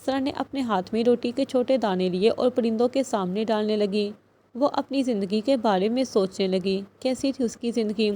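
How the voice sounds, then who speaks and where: A woman narrating a novel as an audiobook reader in a steady storytelling manner. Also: a little high.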